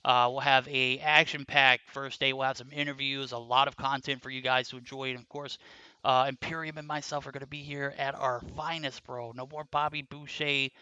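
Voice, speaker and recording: A man's voice: medium pitch, level tone, moderate pace, bright, forceful tone, clear, resonant tone, no echo, muffled recording. A man casting a live esports match, chatty and jokey with frequent fillers. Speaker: esports caster. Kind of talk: live esports play-by-play commentary.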